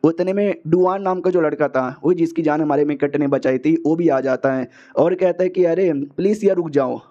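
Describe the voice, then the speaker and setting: A man's voice: on the high side, fairly quick, mellow. A man casually retelling a comic story in a slangy, chatty way, heard as a dull lo-fi recording. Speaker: manhwa recap narrator.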